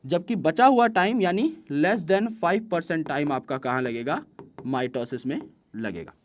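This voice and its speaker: A male teacher giving an online biology lesson, who mixes English terms into his Hindi explanation, asks questions and answers them himself, and slows down to dictate definitions. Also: fairly high pitch, a little hiss or hum. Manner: uses folksy everyday comparisons.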